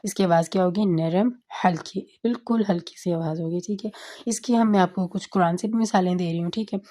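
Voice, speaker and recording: A woman tutor patiently explaining a tajweed lesson, often checking in with "okay", slowing down to recite verses. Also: lowish voice, mellow. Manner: patient, repeats "theek hai" often; slows down to recite Quranic verses.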